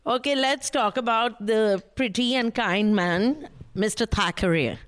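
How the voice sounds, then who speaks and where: A woman's voice: a little high, measured pace, music in the background. A woman with an Indian accent co-hosting a podcast in casual, conversational style. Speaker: podcast co-host. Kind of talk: casual chat.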